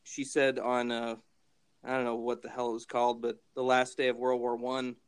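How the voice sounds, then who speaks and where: A man co-hosting a casual comedy podcast, with a deadpan, wry way of joking. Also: mid-range voice, normal speed, clean tone, dry recording. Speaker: podcast co-host.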